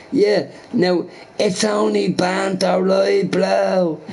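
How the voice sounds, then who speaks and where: A man, a live streamer ranting at a viewer in a mocking, repetitive and profane way, sometimes sinking to a low mutter. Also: creaky, a little mellow. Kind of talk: angry rant at a chat viewer.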